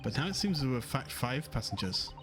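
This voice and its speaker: A man's voice: mid-range voice, big pitch swings, brisk, over music. Laid-back guy streaming a game. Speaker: streamer, host. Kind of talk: casual chat while reading a game.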